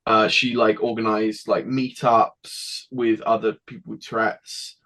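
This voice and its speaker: A man's voice: fairly low pitch, level tone, bright, forceful tone, poor audio. A teenage boy talks through his past as an interview guest. He rambles and halts, restarting sentences and acting out little quoted exchanges along the way. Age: teens. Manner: rambling, halting, with many restarts and acted quotes. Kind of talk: casual interview storytelling.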